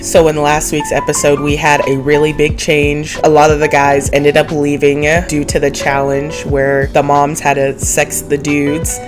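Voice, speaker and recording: A woman speaks in a low, nasal, congested voice, sounding sick with a cold. She hosts a casual recap with informal, opinionated commentary, over faint background music. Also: completely flat delivery, normal speed, hardly any pauses. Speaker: host of a reality TV recap show.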